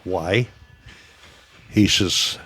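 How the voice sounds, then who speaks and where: With a low voice and drawn-out words, an eighty-something gym owner recounts old stories in an interview against background noise. He rambles and keeps repeating "I says" when quoting what others said.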